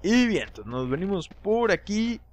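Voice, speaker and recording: Excitable man narrating his gameplay. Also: high-pitched, moderate pace. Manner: excitable, shouts at enemies, jokes about own mistakes. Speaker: gameplay guide host. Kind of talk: video game walkthrough commentary.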